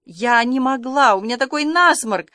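A woman's voice: sits high, lively intonation, moderate pace, pushed and bright, dry recording, studio quality, voice pushed up. A woman voicing a dramatic, remorseful orphan girl in an audiobook reading, with breathless, pleading delivery. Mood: tearful pleading.

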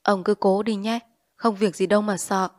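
A woman's voice: medium pitch, fairly even intonation, moderate pace, a little mellow, natural voice. A woman reading an audiobook, voicing a stern older male village doctor who speaks firmly. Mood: soothing. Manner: stern, firm.

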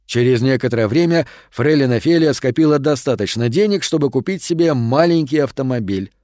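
A man narrating a fairy tale audiobook in a calm, measured storytelling manner. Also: mid-range voice, no echo, studio quality.

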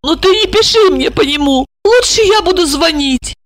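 A woman's voice: lively intonation, normal speed, fairly bright tone. Woman voicing a pleading, tearful young woman. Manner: high, anxious, imploring. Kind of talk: audiobook dialogue reading.

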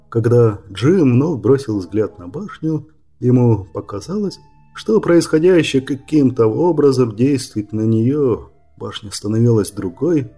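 A man narrating a fantasy audiobook in a steady, measured read, his voice husky. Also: medium pitch. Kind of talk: scripted narration.

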